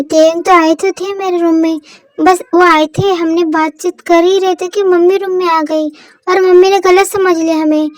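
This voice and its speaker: A woman's voice: extremely high pitch, no echo, poor audio. A woman voicing a shy, embarrassed young woman who keeps pleading with her elders in a fan-fiction voice story. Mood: flustered. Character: shy, flustered young woman, a new bride-to-be.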